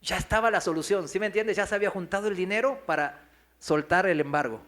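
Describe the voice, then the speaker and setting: In a church hall, a pastor delivers a sermon testimony, telling a story, acting out the people he quotes, and putting questions to the congregation. His voice sits high and sounds a bit bright, and he talks fast.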